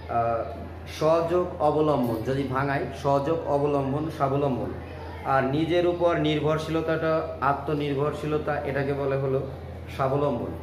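A man with a Bangladeshi Bengali accent teaching a vocabulary lesson, explaining word meanings slowly and repeating each word. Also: on the high side. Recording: echoey room with clear background noise.

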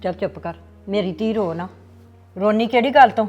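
A woman's voice: mid-range voice, normal speed, a little mellow, faint music behind, natural voice. A middle-aged actress playing a comforting, motherly aunt in a family drama.

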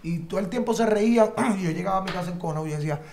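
A man's voice: high-pitched, racing, creaky, darkish tone. Emphatic man in a roomy studio. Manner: emphatic, repeats points, peppers with "brother" and "¿entiendes?". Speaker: guest artist. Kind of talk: casual interview chat.

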